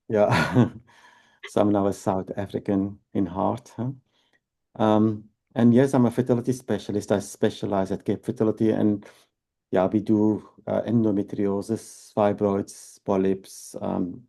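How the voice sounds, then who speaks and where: A Belgian fertility doctor in his fifties, speaking with a Belgian accent, explains things patiently and step by step in an interview, using tag questions. His voice is on the low side, mellow and slightly rough, with vocal fry.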